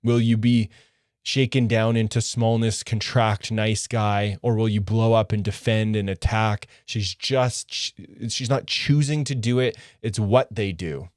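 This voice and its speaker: Low-voiced earnest male coach. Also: steady tone, unhurried, no echo, clean studio sound. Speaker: men's relationship coach. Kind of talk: direct coaching monologue.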